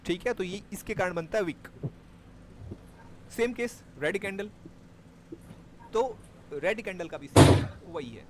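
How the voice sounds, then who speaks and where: A man's voice: high-pitched, expressive, a little slow, long pauses, a little hiss or hum. A man teaching a live class on trading, explaining step by step and checking that his students follow. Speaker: stock market trading teacher.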